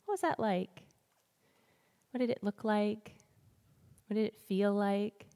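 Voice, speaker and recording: A woman speaker gently guiding a breathing reflection, calm and soothing, with slow, deliberate pauses. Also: mid-range voice. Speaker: guest church speaker. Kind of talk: gentle guided breathing and reflection before a sermon. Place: large church hall, speaking to a congregation. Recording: reverberant hall sound.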